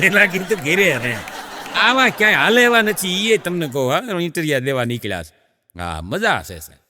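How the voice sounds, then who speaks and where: A high-pitched man with a Gujarati accent performs stand-up folk comedy as a lively storyteller, telling jokes and stories to an audience he keeps calling sir. The recording has a long reverb tail and a little hiss or hum.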